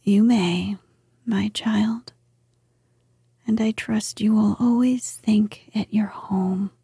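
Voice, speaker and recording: A woman voicing a gentle, wise and very old grandmother in a slow, hushed whisper, reading a storybook. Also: medium pitch, fairly even intonation, vocal fry, slightly rough, dry recording, clean studio sound, heavily acted. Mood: gentle assurance. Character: ancient wise grandmother lady, gentle and calm.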